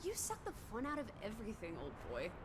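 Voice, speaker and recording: An actress voices a playful young American woman of the 1920s in a video game, teasing her listener with jaunty, old-fashioned slang. Her voice sits on the high side with huge swings in pitch, and she talks fast. There's background noise, with music playing behind her.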